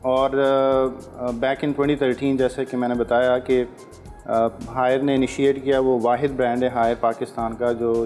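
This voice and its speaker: A man's voice: medium pitch, warm tone. A man in his thirties, a guest from an appliance brand, explaining products hesitantly with many fillers and mixing in English. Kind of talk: promotional talk on a TV cooking show. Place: TV studio kitchen set. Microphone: lapel.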